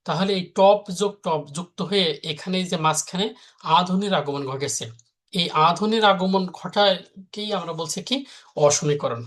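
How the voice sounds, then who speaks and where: A man's voice: sits high, fairly bright tone. A man teaches a live grammar class. He states each rule, repeats it, then puts questions to the class and answers them himself. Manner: repeats rules, asks and answers own questions. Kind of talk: live online grammar lesson.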